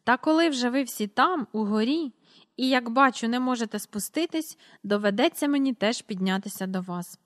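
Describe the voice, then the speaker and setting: A woman's voice: fairly high pitch, lively intonation, moderate pace, in a large hall, close to an everyday voice. A woman reading a storybook aloud, voicing a stern, prim nanny who grumbles and sniffs. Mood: grumbly.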